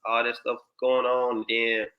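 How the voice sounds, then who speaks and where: A man's voice: mid-range voice, monotone, normal speed. Easygoing slangy co-host man, muffled mic. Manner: easygoing, slangy, says "bro" a lot. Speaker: podcast co-host. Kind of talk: casual podcast conversation.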